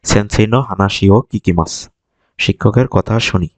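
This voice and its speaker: Low-voiced man teaching vocabulary patiently. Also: no echo. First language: Bengali. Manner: patient, repeats each word slowly. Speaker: Japanese language teacher. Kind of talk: vocabulary lesson, explaining words.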